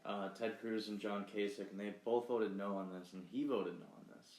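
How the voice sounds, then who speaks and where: A man's voice: fairly low pitch, steady tone, moderate pace, a little mellow. A young man co-hosting a podcast, talking politics in a blunt, heated way and swearing freely. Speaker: podcast co-host. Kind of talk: casual political chat. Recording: echoey room.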